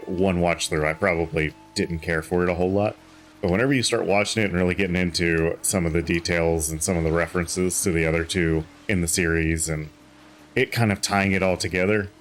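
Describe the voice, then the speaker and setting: Tired male streamer, very low voice, rambling home chat with faint music behind. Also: fairly bright tone. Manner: rambling, chatty, many fillers and restarts. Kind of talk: casual chat while gaming.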